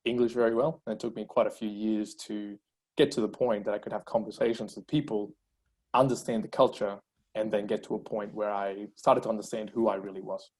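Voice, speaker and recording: Speaking a little fast in a lowish voice, a Colombian-born man in his thirties, a native Spanish speaker, shares his life's story during a relaxed interview. He narrates with plenty of energy and many filler words.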